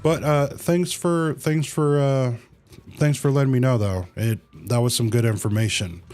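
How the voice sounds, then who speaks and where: Over background music, a man hosts a livestream and chats casually with viewers. He talks haltingly, thinking aloud and repeating phrases, in a medium-pitched voice with a darkish tone.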